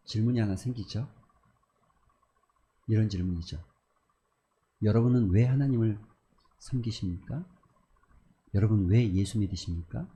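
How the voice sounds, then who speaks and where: A man's voice: lowish voice, dark tone. A man preaching as a pastor in a church. He stresses his points by repeating phrases and by putting questions to the congregation. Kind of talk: sermon. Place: church sanctuary.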